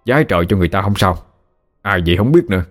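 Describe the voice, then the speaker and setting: Man doing an exasperated village dad, scolding, low voice, storybook. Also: animated, faint music behind. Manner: scolding, brisk.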